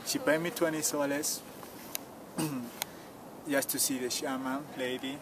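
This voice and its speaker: This man's medium-pitched voice is unhurried as he relaxes into a casual storytelling interview outdoors on a mountain site. Originally from the Cusco countryside of Peru and a Quechua speaker, the tour guide keeps his phrasing simple and often says "you know." A distant outdoor mic captures loud ambience and background noise.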